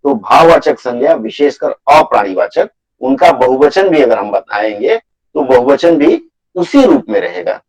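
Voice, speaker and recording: A man teaching a Hindi grammar class over a video call, patiently repeating his points and slowly listing example words for students. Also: mid-range voice, sing-song, darkish tone, poor audio. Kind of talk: live online class lecture.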